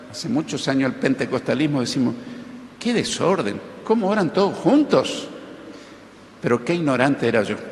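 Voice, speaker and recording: Man preaching in a reverberant hall. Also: a little high. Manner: preaching with rising emphasis and repeated phrases. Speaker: pastor. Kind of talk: sermon.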